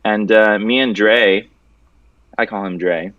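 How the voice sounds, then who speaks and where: A young man from Venezuela, talking casually and joking as a guest artist, loose and relaxed, with the odd swear word. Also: lowish voice, slow, no echo. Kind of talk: casual interview chat. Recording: dull, dry audio.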